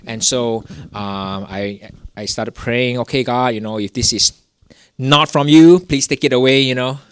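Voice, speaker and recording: A man's voice: medium pitch, unhurried, clean tone. A young man from Singapore, telling a personal story in a rambling way, full of fillers and restarts. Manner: rambling, many "you know" fillers and restarts. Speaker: guest telling his story. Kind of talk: casual testimony.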